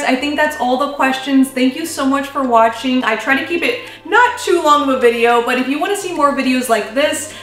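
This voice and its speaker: A woman's voice: high-pitched, fairly bright tone. A young woman in her twenties answering fan questions at home in a bubbly, giggly way, full of "like" and "um". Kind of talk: casual Q&A vlog. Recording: roomy echo from away from the mic, faint music.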